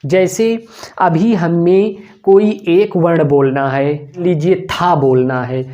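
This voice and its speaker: A man with a Hindi accent teaching a grammar lesson, dictating slowly, one word at a time, with long pauses. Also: on the high side, dark tone, dull audio. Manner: slow, drawn-out dictation with long pauses between words.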